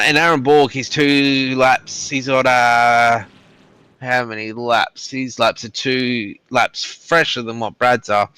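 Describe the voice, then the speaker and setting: A man's voice: mid-range voice, bright, forceful tone, rough recording. A man giving live motorsport commentary on a sim race.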